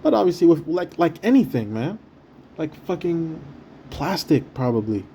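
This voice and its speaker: A man with a deep, warm, very dark voice delivers a casual sermon quietly from a hotel room. He rambles, swears freely and stumbles over restarts as he goes. A faint background hum stays under him. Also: sing-song. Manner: rambling, profane, stammering restarts; deliberately speaking quietly. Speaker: street preacher. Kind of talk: casual preaching monologue.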